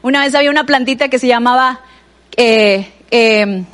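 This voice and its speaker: A woman preacher with a Mexican Spanish accent delivers a sermon. Her voice sits high, and she talks to the congregation as if in conversation, with frequent asides addressed straight to the listener. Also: moderate pace, a bit bright.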